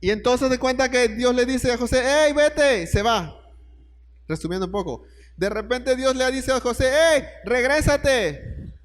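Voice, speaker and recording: A man's voice: very high-pitched, normal speed, in a large hall. A man preaching a sermon, telling the story and putting questions straight to his listeners.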